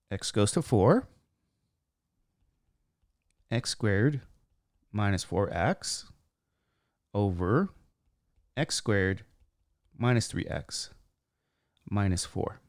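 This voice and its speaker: A man with a slightly squeaky voice teaching math informally, talking through each step and posing questions he then answers himself. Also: animated, very slow, pauses often, darkish tone, no room sound, studio quality. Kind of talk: informal worked-example lesson, thinking aloud.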